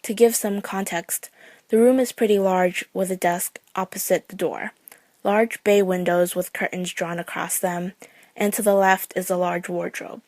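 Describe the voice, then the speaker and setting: A woman's voice: medium pitch, darkish tone, no echo. Woman narrating a scary story, dry sound.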